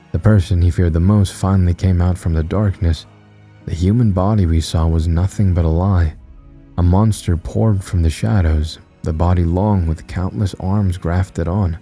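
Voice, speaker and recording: A man narrating a horror story in a slow, steady, measured reading. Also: low voice. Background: soft music.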